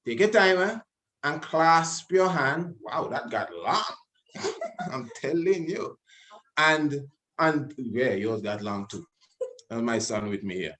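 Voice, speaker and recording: A webinar panelist speaks slowly at a medium pitch, leading viewers through an exercise over video call. His delivery is animated and commanding, with repetition for emphasis.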